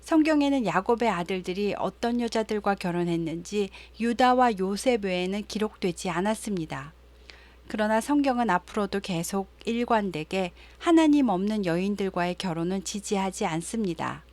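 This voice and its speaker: A woman narrating a Bible story in a gentle, explanatory storytelling manner. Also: mid-range voice, expressive, moderate pace, no room sound.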